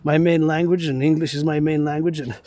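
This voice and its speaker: A man with a fairly high, dark-toned voice talks fairly quickly with fairly even intonation while on a casual walk through a park's trees. His rambling vlog chat keeps looping back, rephrasing the same lines in a repetitive, chant-like way. There is no room sound, though the outdoor recording is noisy and has clicks.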